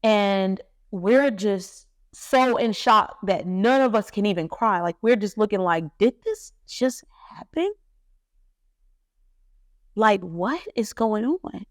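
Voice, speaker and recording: Young woman, podcast host, mid-range voice, dry close sound; halting emotional personal storytelling. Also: medium pitch, no echo. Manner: halting, emotional retelling with many fillers.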